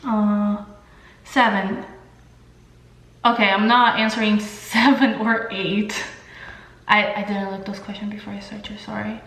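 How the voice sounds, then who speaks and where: Doing her makeup on camera, a young adult Brazilian woman from São Paulo chats in a relaxed, candid, slang-heavy way, the native Portuguese speaker's Brazilian accent clear. She speaks unhurriedly in a level, mid-range voice that's fairly bright, pausing often. The sound is roomy.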